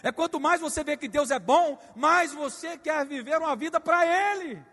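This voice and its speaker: A pastor with a high voice preaches to his church, leading call-and-response lines with the congregation. He drops to soft asides and then bursts into shouts. His voice rings with a long hall reverb. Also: moderate pace. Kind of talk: sermon.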